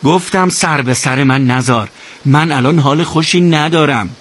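A man doing a hoarse, moaning soldier with a cold. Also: fairly high pitch, fairly bright tone. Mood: grumbling.

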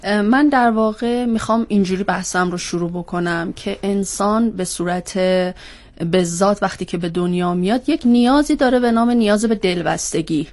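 A woman's voice: mid-range voice, darkish tone. A woman with a cold and a congested, stuffy-nosed voice, explaining step by step as a guest expert on a panel. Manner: throat-clearing, explains step by step with rhetorical questions. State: has a cold. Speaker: psychologist guest on a panel discussion.

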